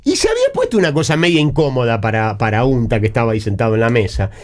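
A man's voice: mid-range voice, rapid-fire. A man telling a comic story on the radio, acting out the dialogue. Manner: animated, acts out quoted dialogue. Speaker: radio host.

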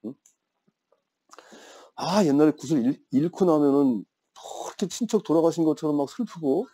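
A man's voice: on the high side, moderate pace, mellow. A man in his fifties teaching an English grammar class, telling playful stories and teasing his students. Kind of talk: classroom lecture with chatty anecdotes.

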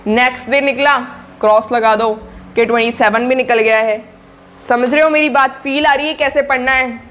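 Speaking to camera with a steady tone at a moderate pace, this young adult woman runs a study-tips channel for board exam students. Her fairly high, somewhat bright voice carries friendly, encouraging coaching full of check-ins with the listener.

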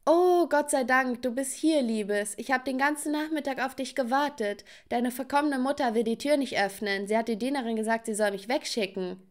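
Woman putting on a loud drunk aunt. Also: sits high, moderate pace, hardly any pauses, pitched above the performer's own voice, close to an everyday voice. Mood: drunk gushing.

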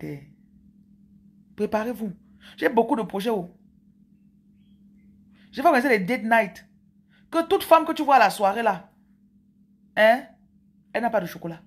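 A woman's voice: on the high side, fairly bright tone. A woman, talking playfully and chattily to her viewers as a spiritual coach. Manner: playful, chatty, teasing asides. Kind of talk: casual monologue to viewers.

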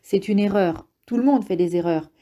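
A woman's voice: deep voice, normal speed, warm tone. A woman reading a jittery, defensive male rentier. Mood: defensive, agitated. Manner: agitated, blustering, sometimes pleading. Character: nervous middle-aged male rentier, defensive.

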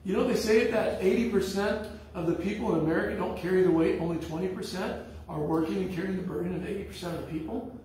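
A man's voice: sits high, fast talker, hardly any pauses, darkish tone, slight background noise. A man preaching a sermon as pastor, telling stories in a blunt, folksy way. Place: church sanctuary. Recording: echoey church hall from far off.

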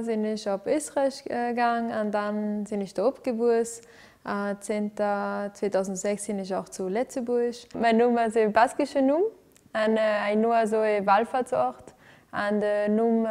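A woman from Venezuela, an arts director, is interviewed in a living room where filming lights are set up. Her voice is fairly high and a little mellow, and her answers come with many fillers and restarts.

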